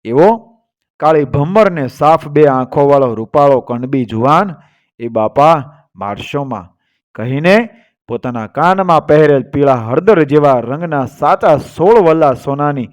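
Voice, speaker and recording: Male storyteller reading a moral tale, steady and dramatic, voice a touch high. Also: measured pace.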